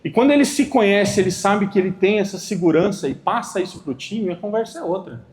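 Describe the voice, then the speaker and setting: A man's voice: high-pitched, brisk. A Brazilian man giving an internal corporate training talk to a room, acting out little dialogues as he goes. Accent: Brazilian Portuguese. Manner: animated, acts out dialogues.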